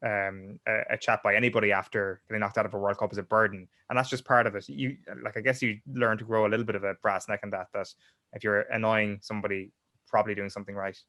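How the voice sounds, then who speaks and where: A man's voice: fairly low pitch, little pitch movement, fast, pushed and bright, no echo, studio quality. A sports journalist, a young man, talking casually as a podcast guest, with many restarts and fillers.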